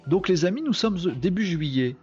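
A man hosting a casual live stream, reading viewer comments and chatting in an animated way. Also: sits high, normal speed, husky, lo-fi sound, soft background music.

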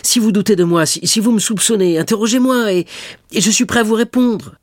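A man's voice: mid-range voice, lively intonation, brisk, slightly rough, dry recording, studio quality. A man voicing an earnest young male prisoner who pleads with eager, raised speech. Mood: pleading, eager.

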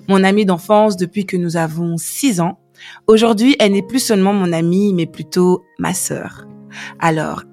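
A woman hosting a faith podcast, talking in a chatty interview style with frequent fillers and restarts. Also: medium pitch. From Belgium. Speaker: podcast host. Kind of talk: warm conversational podcast interview.

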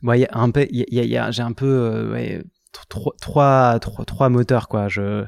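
Earnest halting man in his thirties. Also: mid-range voice, fairly even intonation, vocal fry, a little mellow, no room sound. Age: 30s. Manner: earnest, halting, many restarts. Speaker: guest. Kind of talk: casual interview talk.

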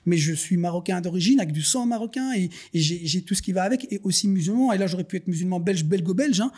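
A man's voice: sits high, expressive, fast talker, darkish tone, husky. A man, a podcast guest talking earnestly and at length in a casual conversation, like someone giving a sermon. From Belgium. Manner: earnest, preachy storytelling, addresses listeners as "les gars". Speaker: podcast guest, business owner.

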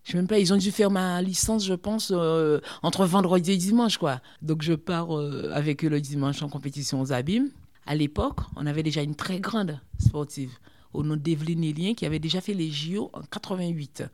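A middle-aged woman from Guadeloupe, a former sprinter telling her story in an interview, chatty and lively with lots of fillers. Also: deep voice, normal speed. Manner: lively, chatty, full of fillers like hein and quoi.

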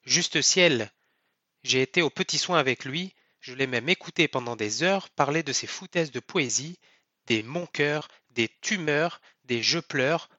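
A man's voice: medium pitch, lively intonation, a little slow, bright, forceful tone, dry recording, dull audio. A man voicing an old, burly sea captain who curses and bellows in fury, from an audiobook reading. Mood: outraged. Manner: bellowing, cursing.

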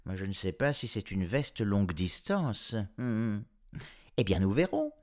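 A flustered old professor who bursts into exclamations and chuckles, his voice leaping high and swooping all over the place as a male storyteller puts him on. He is fussy and easily delighted, like a character in a children's storybook. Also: wildly swooping pitch, moderate pace, full character voice. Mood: excited. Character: excitable old male professor with magic jacket.

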